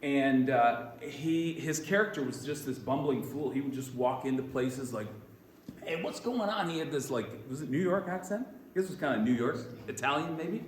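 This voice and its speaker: A man's voice: mid-range voice, normal speed, few pauses, slight background noise. Chatty man teaching in an echoey room. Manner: energetic, chatty, often restarts phrases. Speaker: church class teacher. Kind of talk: informal classroom teaching. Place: church classroom.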